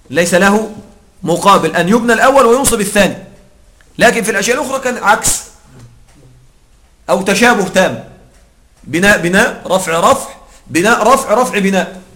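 A male grammar teacher with a high, bright voice delivers a methodical lecture. He walks through each rule patiently, stops often to check that his students follow, and slows right down to read quoted text. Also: a little hiss or hum. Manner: explanatory, checks in with listeners often; reads the quoted text slowly and deliberately.

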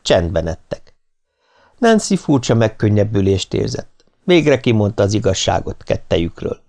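A man narrating an audiobook with an expressive, dramatic reading. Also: fairly low pitch.

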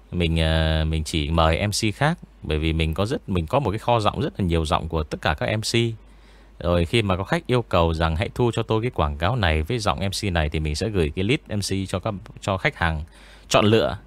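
A man's voice: sits low, no echo. A man who narrates ghost stories, chatting casually in an interview with many fillers. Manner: relaxed, rambling, many fillers.

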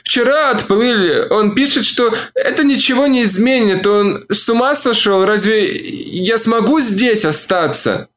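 A heartbroken woman moans her questions through tears, as a male audiobook reader puts her on. Her voice rides high and strained, plaintive and fragile. It is a storybook reading of a proud woman undone by grief. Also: lively intonation, a little slow, few pauses, a bit bright. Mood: despairing. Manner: moaning, tearful pleading.

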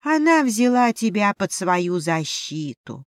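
A woman voicing a grumpy, cheeky little male winged mouse familiar in an audiobook, speaking in a slow, sarcastic drawl. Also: mid-range voice, very animated, no echo, clean studio sound. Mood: smug.

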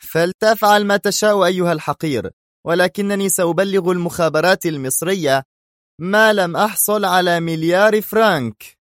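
A man doing a spy's high mimic of a traitor. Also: moderate pace, fairly bright tone, dry recording, clean studio sound. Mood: taunting. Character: spy impersonating a greedy male traitor on the phone.

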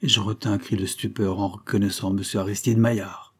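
A man narrating a story in a measured, literary way as an audiobook reader. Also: lowish voice, little pitch movement, breathy edge.

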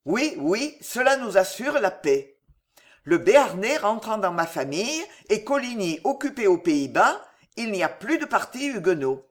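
An impulsive, fragile young king as a woman reader puts him on, speaking low with lively, swinging intonation. He bursts into eager exclamations like an excited boy. Read as an audiobook character. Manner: exclaiming, boyish enthusiasm.

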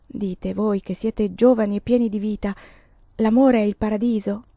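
A woman reading the part of a despairing young woman who doubts everything, in a hushed, sorrowful way. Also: medium pitch, fairly even intonation, normal speed, no echo, lo-fi sound, natural voice. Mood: weary despair.

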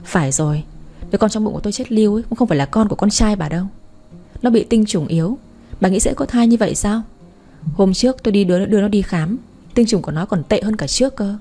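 A woman's voice: medium pitch, fast talker, mellow, close to an everyday voice. A woman reading an audiobook, voicing a spiteful, hysterical young woman hurling bitter accusations.

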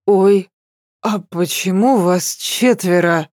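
A woman's voice: a little high, very animated, a little mellow, no echo, studio quality, pitched above the performer's own voice, full character voice. A woman voicing a tipsy, stubborn young woman who drags out her words and insists indignantly. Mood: tipsy insistent. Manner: drawn-out, slurred, indignant insistence.

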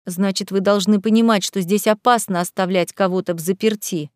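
A woman reading an audiobook, voicing a frightened but defiant young woman held prisoner, with sharp, indignant speech. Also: fairly even intonation, moderate pace, no room sound, clean studio sound, close to an everyday voice. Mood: frightened anger. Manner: sharp, indignant, higher-pitched.

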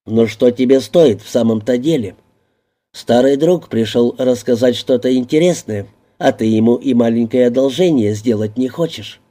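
A man voicing a smug, coercive man in an audiobook reading, speaking with slow, even, coaxing menace. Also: medium pitch, lightly acted.

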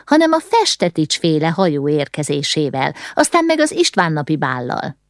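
A curious young noble lady in a spoken storybook, chatty and nosy, played by a woman narrator. Her low voice still moves lively in pitch. The sound is dry and close. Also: no room sound.

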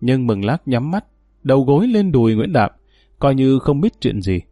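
A man narrating a story audiobook in a steady, even storytelling manner. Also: mid-range voice, moderate pace, no room sound, studio quality.

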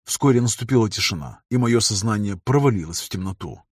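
A man narrating a first-person audiobook in an even, measured reading. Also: fairly low pitch, slightly rough, no echo, clean studio sound.

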